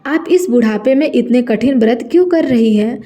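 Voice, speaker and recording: A woman's voice: on the high side, expressive, normal speed, dark tone, lightly acted. A woman voicing worried family members who coax their grandmother in a story. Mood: concerned. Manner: coaxing, concerned.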